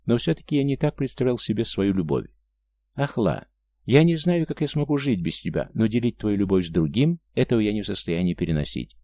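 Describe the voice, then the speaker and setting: A man's voice: on the low side, lively intonation, fairly quick, warm tone, dry recording. A man reading an audiobook voices a lovesick young man, speaking with urgent emotion. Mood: desperate. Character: young lovesick human man, desperate and pleading.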